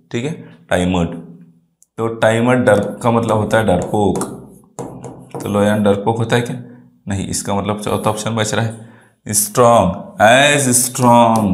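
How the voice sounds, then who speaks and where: Male tutor, slow deliberate teaching delivery, echoey room sound. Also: fairly low pitch. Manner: explains English words in Hindi, quizzing pupils. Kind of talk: exam-prep lesson.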